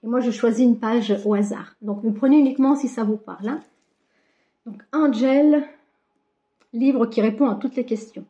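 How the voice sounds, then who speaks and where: A woman with a fairly high, mellow voice talks her viewers through a card reading. She sounds affectionate and encouraging, and peppers her talk with small fillers. The recording sounds dull and lo-fi. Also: moderate pace. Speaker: card reader giving a weekly guidance. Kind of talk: casual spiritual guidance to viewers.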